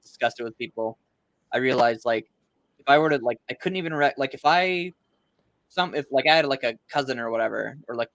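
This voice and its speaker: A man's voice: medium pitch, fairly bright tone, dry recording. Hesitant man, dry close sound. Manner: hesitant, lots of ums and likes. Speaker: podcast guest. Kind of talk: casual chat.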